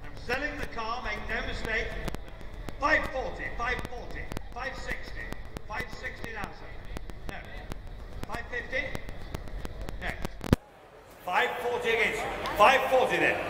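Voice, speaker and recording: A man working as an auctioneer, calling bids in a quick rhythm with dry asides at a live auction. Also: very high-pitched. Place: large auction hall with a crowd. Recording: echoey hall from far off, audience noise.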